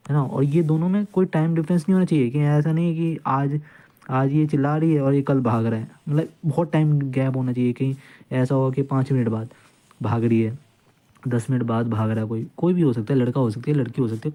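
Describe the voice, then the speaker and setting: A man lectures on law in a relaxed, informal way, walking through cases step by step and repeating phrases to make them stick. His voice is very dark and mellow, sitting at an ordinary middle pitch. He drops English legal terms into his talk as he explains. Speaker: law tutor.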